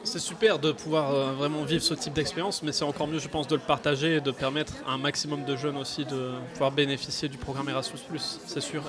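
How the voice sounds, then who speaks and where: A man hosting a radio panel at a public event, hesitant with many fillers. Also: fairly high pitch. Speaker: radio host. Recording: crowd noise at a public event. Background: crowd chatter.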